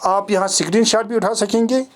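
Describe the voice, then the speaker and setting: A man's voice: high voice, steady tone, a little fast. A man teaching English phonetics in a recorded online lecture. He explains patiently, repeats key points for emphasis and checks that his students follow.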